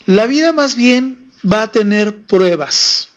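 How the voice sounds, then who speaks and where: A man's voice: sits high, expressive, takes it slowly, highs cut off. A man preaching on a live stream about faith, asking the audience rhetorical questions, with a Mexican Spanish accent.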